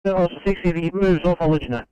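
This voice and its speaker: An Australian man working as a traffic control operator, calmly dispatching a crew over a two-way radio, halting now and then with fillers. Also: sits high. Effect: two-way radio transmission. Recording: dull narrow radio channel.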